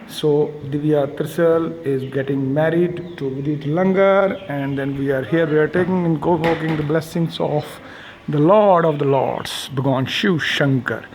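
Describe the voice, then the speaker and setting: A man's voice: fairly high pitch, extremely slow, a little mellow, a little hiss or hum. A middle-aged man, the groom's uncle, eagerly narrating a family wedding ritual as he films it on a camera. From Kashmir. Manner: eager, mixes English narration with Hindi remarks. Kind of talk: live commentary while filming a ceremony. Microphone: handheld camera mic. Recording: crowd chatter of a ceremony behind.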